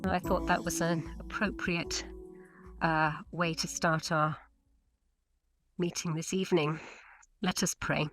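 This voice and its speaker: A woman with a Scottish accent hosting a church webinar and leading a prayer in a measured, earnest way. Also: on the low side, little pitch movement, fairly bright tone, faint music behind, low-quality recording. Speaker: webinar host.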